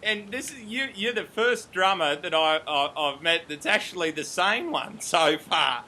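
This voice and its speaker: A man's voice: high voice, lively intonation, unhurried, bright, forceful tone, a little hiss or hum. An Australian man hosting a casual interview, upbeat, chatty and joking with his guests. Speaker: interview host.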